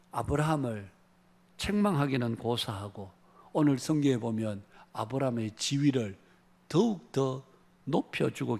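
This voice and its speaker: A man's voice: medium pitch, vocal fry, darkish tone. A man pastor preaching a Sunday sermon in a church, earnest, with rising emphatic phrases. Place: church sanctuary.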